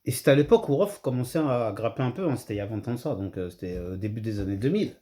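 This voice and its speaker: A middle-aged man of Comorian heritage casually telling a story to his channel's viewers, swinging between low asides and high excited exclamations. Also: rapid-fire. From Comorian heritage, France. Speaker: channel host.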